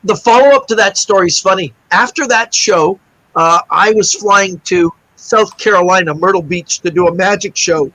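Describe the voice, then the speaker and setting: This middle-aged magician's voice sits high and moves at a moderate pace, though the audio is poor. Chatting as a guest in a laid-back interview, he relates an anecdote animatedly, acting out what other people said.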